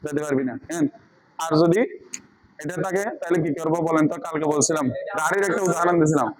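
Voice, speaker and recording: A man's voice: fairly high pitch, steady tone, quick pace, a loud crowd, low-quality recording. A man teaching Quran reading in a class, quizzing students patiently with repeated questions. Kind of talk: online class lesson.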